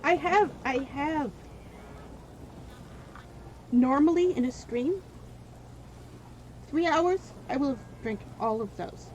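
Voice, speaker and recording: A woman streaming gameplay, her voice hoarse and wearing out, rambling and venting between comments on the game. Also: high-pitched, slow, long pauses, a little mellow, muffled recording, a little hiss or hum.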